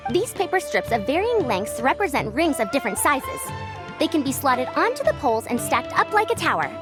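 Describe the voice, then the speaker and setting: A high-pitched, animated young female scholar from a video game. She is self-assured and explains things precisely like a proud senior researcher, over clear background music. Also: brisk. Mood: assured explaining. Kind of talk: video game character dialogue.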